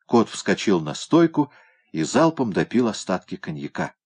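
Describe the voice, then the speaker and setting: A man reads a story aloud in a steady, measured way. His voice sits on the low side and never hurries. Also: husky. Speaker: reader. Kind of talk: audiobook narration.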